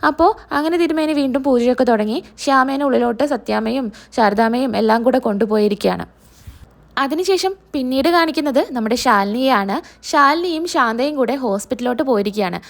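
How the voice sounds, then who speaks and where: A woman's voice: sits high, a little fast, creaky. A woman narrating a recap of a TV serial episode, retelling each character's lines in her own voice. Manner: narrates and voices all characters' quotes herself.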